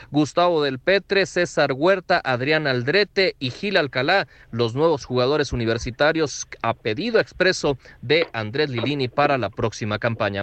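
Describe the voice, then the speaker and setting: A man's voice: a little high, a bit bright, no echo. A man with a Mexican accent reading a scripted sports news preview. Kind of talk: scripted news headline delivery.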